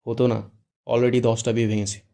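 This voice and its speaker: A man voicing a stern, possessive young man who answers gravely in curt, deadpan lines, read as audiobook dialogue. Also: mid-range voice, normal speed, lightly acted.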